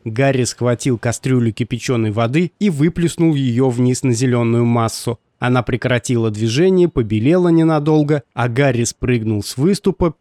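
Sex: man. Role: narrator. Style: audiobook narration. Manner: steady, measured. Pitch: middle. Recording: dry, close. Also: no room sound.

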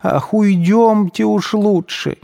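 A man reading the part of a timid, anxious older mother, raising his voice high and pleading. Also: steady tone, measured pace, mellow, in a large hall. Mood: frightened pleading.

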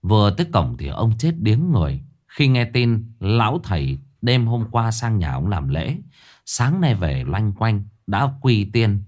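A man narrating a spooky folk tale in an expressive, lively way. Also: fairly low pitch, unhurried. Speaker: storyteller.

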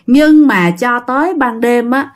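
A woman narrating a listener-sent ghost story. She talks chattily and addresses her audience directly, her voice sitting somewhat high. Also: expressive, takes it slowly.

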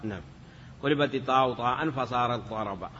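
Male teacher, patient classroom lecturer, bright tense voice, roomy lo-fi lecture recording. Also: mid-range voice, a little hiss or hum. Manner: patient, explanatory, checks understanding with short questions; sounds words out slowly, syllable by syllable. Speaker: teacher of Arabic morphology.

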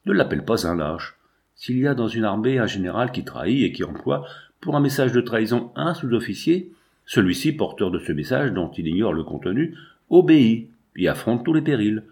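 A man's voice: lowish voice, expressive, normal speed, darkish tone. A man reading an earnest, pleading teenage girl. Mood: insistent. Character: earnest fifteen-year-old girl, grieving and pleading.

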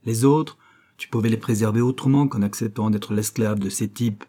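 A man's voice: fairly low pitch, normal speed, warm tone, close to an everyday voice. A man reading an audiobook and voicing a blunt, indignant old friend who scolds hotly. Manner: scolding, heated and accusing.

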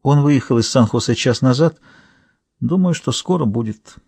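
A man voicing an earnest, remorseful woman in a thriller audiobook, reading her lines in a gentle, persuasive way. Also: mid-range voice, lively intonation, moderate pace, vocal fry, slightly rough, no room sound. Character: remorseful woman reaching out to a friend.

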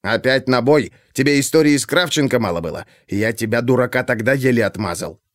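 A man's voice: medium pitch, brisk, no echo, clean studio sound, lightly acted. A man voicing an angry, profane middle-aged police chief who hisses and swears at a subordinate in an audiobook. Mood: angry hissing. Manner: hissing, swearing.

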